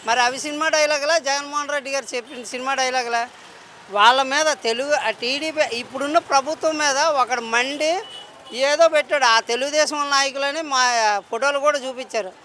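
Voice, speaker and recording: Man, very high voice, sharp and bright, argumentative street interview, faint traffic noise behind. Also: fairly even intonation, fairly quick. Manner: angry, argumentative, quotes others mockingly. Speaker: interviewee, member of the public.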